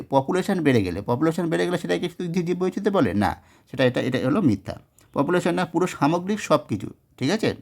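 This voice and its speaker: A man's voice: medium pitch, creaky, darkish tone. Hesitant male teacher talking through exam answers. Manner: explains step by step, checks in with "ঠিক আছে?"; frequent hesitations and self-corrections. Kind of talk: exam solution walkthrough.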